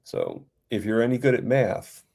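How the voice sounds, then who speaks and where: A man's voice: medium pitch, wildly swooping pitch, moderate pace, vocal fry, a little mellow. A man in his fifties hosting a casual chat, with a hesitant, stumbling delivery. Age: 50s. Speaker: host.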